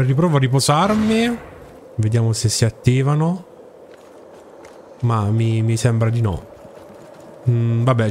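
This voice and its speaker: A man giving casual commentary over his own gameplay, reacting loudly and talking to the characters on screen. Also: medium pitch, slight background noise. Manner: excitable, talks to the game and its characters. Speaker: gaming YouTuber. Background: game music.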